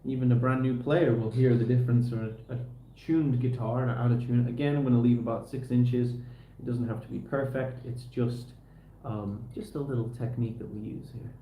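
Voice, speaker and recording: In a roomy-sounding space with faint background noise, a male livestreamer repairs a guitar, chatting casually to himself and his viewers in a tutorial style. His medium-pitched voice is mellow and steady, at a normal speed, and his manner is easygoing.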